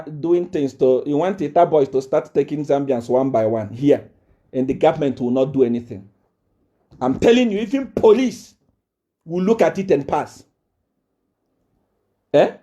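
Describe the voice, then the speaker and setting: A man delivers a live-streamed rant, swinging his pitch widely up and down. His tone is dark and mellow as he boasts, threatens and repeats himself over and over. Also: lo-fi sound. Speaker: self-styled prophet addressing viewers. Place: South Africa.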